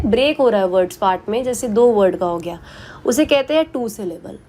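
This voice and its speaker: Patient grammar teacher, female, repeats her examples slowly, lightly raised pitch. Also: a little mellow. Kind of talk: Hindi-English classroom explanation.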